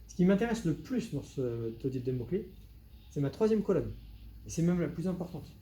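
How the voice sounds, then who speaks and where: Dark-voiced man presenting to a crowd. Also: on the high side, a little fast. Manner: lively, addresses the audience directly with dry asides. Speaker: web consultant giving a meetup talk. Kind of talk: live presentation to an audience. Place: meetup room with an audience.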